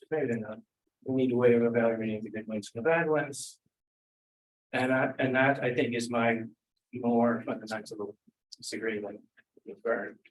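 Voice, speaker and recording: A man with a mid-range voice gives an academic philosophy talk and takes questions, thinking aloud and restarting often. The audio quality is poor.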